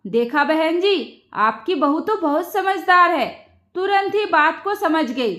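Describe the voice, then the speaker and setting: A pleased mother-in-law on a visit, voiced by a woman storyteller, speaking slowly and with approval. The very high voice carries a roomy echo. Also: animated, a bit bright, heavily acted.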